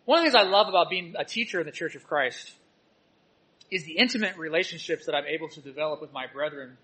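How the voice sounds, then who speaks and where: A male church teacher preaches with personal anecdotes, veering from loud exhortation to soft asides. His pitch is fairly high and his pace quick, on a low-quality recording.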